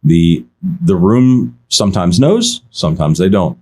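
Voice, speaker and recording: A deep-voiced man from the car auction world tells stories at an unhurried pace in a relaxed podcast conversation. His anecdotes are animated, full of restarted sentences and quotes from other people.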